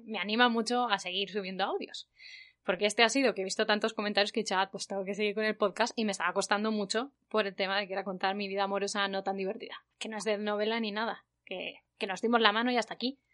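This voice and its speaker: A woman from Spain hosting her podcast, telling an anecdote in a chatty, animated way with a Spain Spanish accent. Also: medium pitch, fast. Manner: chatty, animated, acts out quoted voices. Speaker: podcast host. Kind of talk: casual anecdote storytelling.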